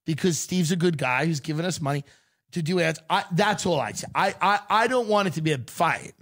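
A man's voice: fairly high pitch, brisk, fairly bright tone. A man hosting a podcast, lecturing his producer in casual chat, full of stammered restarts and mocking put-on quotes. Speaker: podcast host.

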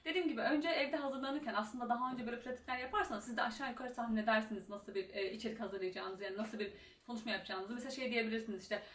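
Fast-talking young woman in a roomy echo. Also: fairly high pitch, a bit bright. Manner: fast-talking, chatty, many fillers. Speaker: IELTS tutor and YouTuber. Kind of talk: casual advice vlog. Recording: roomy echo, mic at a distance, faint room noise.

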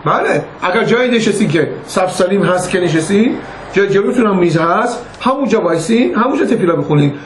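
In an echoey room with faint noise, an older male rabbi teaches a class informally, chatting, telling stories and acting out what the characters say. His voice sits high, with lively intonation.

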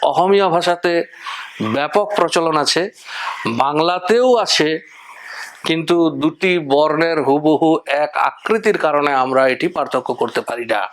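A man explaining the letters and their sounds in a measured, step-by-step spoken lesson, listing examples one by one. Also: a little high, a bit bright. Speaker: teacher of Bengali script.

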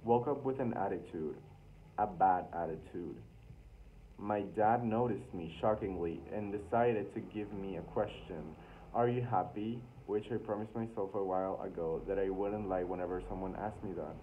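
Embarrassed young man reading aloud, tinny noisy recording. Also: fairly low pitch. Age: young adult, early twenties. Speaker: vlogger. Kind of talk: casual vlog, reading own diary aloud with asides. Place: small room indoors. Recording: thin phone-like sound with loud noise.

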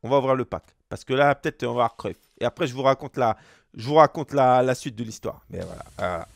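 This young streamer's voice is medium in pitch and creaky, with fairly even intonation and a fast delivery, recorded with no room sound. Close to his desk mic, he rambles through a tall tale during a pack opening, tossing in slang and mouth sound effects.

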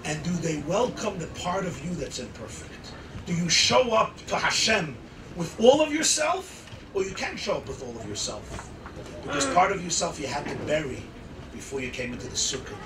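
A middle-aged man, a rabbi, preaching emphatically to a gathering with rhetorical repetition, dramatic pauses and Hebrew and Yiddish terms mixed into his English. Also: fairly high pitch, expressive. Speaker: rabbi giving a talk. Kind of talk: impassioned sermon to a gathering. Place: makeshift sukkah hall with seated gathering. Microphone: table microphone on a stand. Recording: roomy, distant mic, clear background noise. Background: noisy room ambience.

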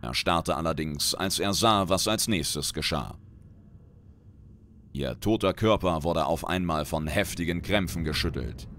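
Deep-voiced man narrating a dark tale. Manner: measured, dramatic storytelling. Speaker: reader and lore commentator. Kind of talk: reading a fantasy short story aloud. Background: background music.

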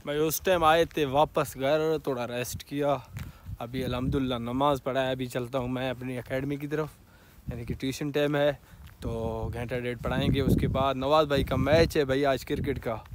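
A man's voice: mid-range voice, fairly even intonation, normal speed, slight background noise. A man, a tutor, casually narrating his day's plans in a vlog. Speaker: tutor and vlogger.

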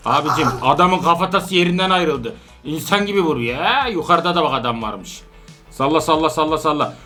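Animated, laughing adult gamer. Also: medium pitch. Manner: animated, laughing, frequent outbursts. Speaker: let's-play gamer playing with their daughter. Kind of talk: excitable gameplay commentary.

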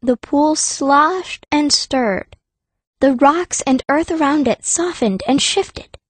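A woman reads a first-person fantasy audiobook in the role of its young heroine, telling the story in an expressive, dramatic way. Her voice is high and slow, with no echo.

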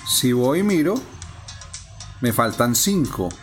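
A man calmly narrating a phone game walkthrough step by step. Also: medium pitch, slow, soft background music. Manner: explains step by step, calm and methodical. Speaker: gameplay narrator. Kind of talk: casual screen-recording walkthrough. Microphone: voice-over on a phone screen recording.

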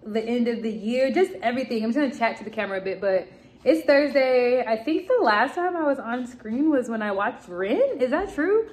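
A young woman from the Chicago area chatting to her phone camera in a casual, candid, self-mocking vlog, from a car and then at home. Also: fairly high pitch. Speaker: vlogger. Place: car backseat, then small kitchen and living room. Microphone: phone camera held close.

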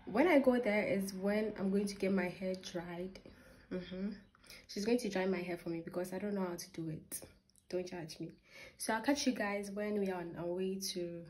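A young woman from Ghana chatting casually to camera in a vlog, upbeat and chatty, filling with "yeah" and "like", filmed on a phone held at arm's length in a small bedroom. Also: medium pitch. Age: young adult. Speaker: vlogger.

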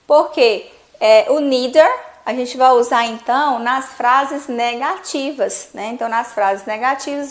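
A woman giving a casual online English lesson, chatting and spelling out English examples slowly and with emphasis. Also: a little high. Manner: chatty, frequent tag questions, slow emphatic English examples. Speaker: English teacher.

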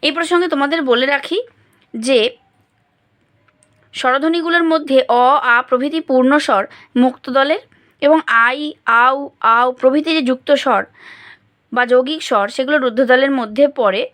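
A woman with a high, light voice teaches a grammar lesson to schoolchildren. She explains patiently, step by step, and breaks words into syllables as she says them aloud. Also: moderate pace, pauses often, fairly bright tone.

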